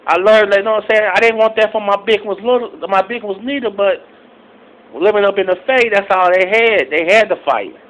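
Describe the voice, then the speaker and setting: A middle-aged man ranting casually into his phone camera, profane and rambling, with loud outbursts and low mutters. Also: brisk. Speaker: vlogger. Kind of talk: casual angry rant to camera. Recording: slightly dull phone recording.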